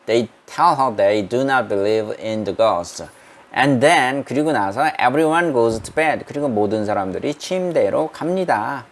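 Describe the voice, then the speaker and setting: A man's voice: mid-range voice, expressive. Man teaching an English reading lesson. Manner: reads English lines slowly, then explains them in Korean with questions to the class. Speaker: English lecturer. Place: small room, not a studio.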